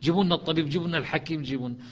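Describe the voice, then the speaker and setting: A man with an Iraqi accent teaching a class on Quran recitation, patiently explaining and slowing down to recite verses. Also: on the high side. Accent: Iraqi Arabic. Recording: dull lo-fi recording.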